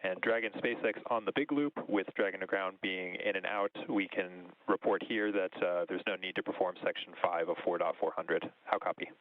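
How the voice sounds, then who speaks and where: A man working as a ground controller, giving formal, deliberate procedural calls over a breaking-up space radio link. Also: low voice, dry recording, phone-quality sound.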